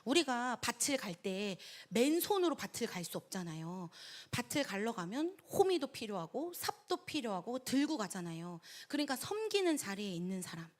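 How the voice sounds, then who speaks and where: Lively Korean woman teaching Bible study. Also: a little high, normal speed, few pauses. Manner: animated storytelling, acts out quoted voices; chatty, laughs between points. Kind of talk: church Bible study lecture. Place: church hall.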